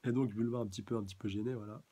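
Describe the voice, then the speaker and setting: A man chats through a manga chapter in a relaxed live review, stumbling over words and filling gaps with hesitations. His voice is mellow and dark, with a husky edge. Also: fairly low pitch, racing, dull audio. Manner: hesitant, many fillers and restarts, chuckles often.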